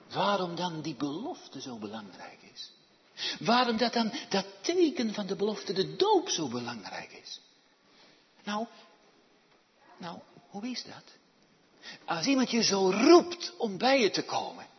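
Preacher guy, high lively voice, slow and dramatic, echoey hall. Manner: dramatic preaching, swings from hushed to loud calls. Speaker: pastor. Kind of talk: sermon. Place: church. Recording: dull echoey church hall.

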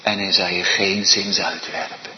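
Impassioned preacher man, slow delivery. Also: flat delivery, muffled recording. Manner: impassioned preaching, swinging from loud high appeals to hushed near-whispers. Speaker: pastor. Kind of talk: sermon.

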